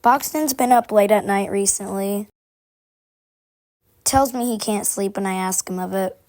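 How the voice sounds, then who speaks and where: A woman's voice: mid-range voice, measured pace, darkish tone, close to an everyday voice. A woman voicing a prim, busy, gossipy game character who confides in formal phrasing, aloof but chatty. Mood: gossipy, confiding. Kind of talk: scripted character monologue.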